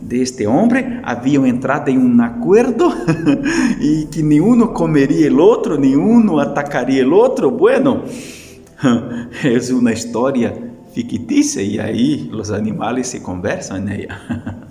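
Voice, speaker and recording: A male pastor with a Brazilian Portuguese accent and Portuguese as his first language, giving a gentle, halting sermon with storytelling. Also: medium pitch, lively intonation. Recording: echoey hall with faint music.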